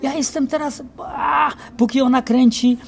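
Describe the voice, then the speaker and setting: A man in his sixties, an actor, being interviewed in an outdoor courtyard into a handheld mic, reminiscing with many pauses and fillers. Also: extremely high pitch, fairly even intonation, gravelly, soft background music. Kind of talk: casual interview. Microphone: handheld mic held by interviewer.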